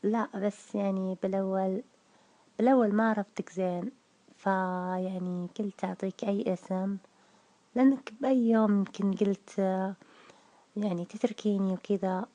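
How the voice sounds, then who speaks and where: A man's voice: sits high, steady tone, normal speed, dark tone. A man doing a woman's voice, playing a coy, evasive young Saudi woman with a Gulf accent in a hesitant phone chat. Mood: explaining, defensive. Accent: Gulf Saudi Arabic. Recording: telephone call audio.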